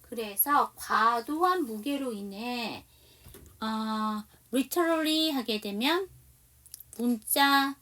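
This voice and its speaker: Slow, patient Korean teacher woman. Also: on the high side, bright, forceful tone, recorded from a distance. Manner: reads English lines slowly, explains in Korean, asks the viewer questions. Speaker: English teacher. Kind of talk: slow explanatory language lesson.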